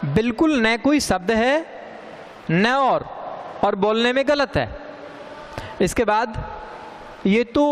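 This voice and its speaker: A man giving a pronunciation lesson at a slow, careful pace, repeating words to drive home the correct form. His voice sits fairly high and moves a lot. The sound carries a long reverb with faint background noise. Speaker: teacher. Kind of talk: Hindi grammar lesson.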